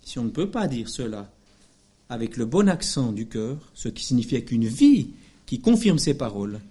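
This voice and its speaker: A man preaching a sermon in an emphatic, lively way, often adding little asides and short laughs. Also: medium pitch, moderate pace, slightly rough.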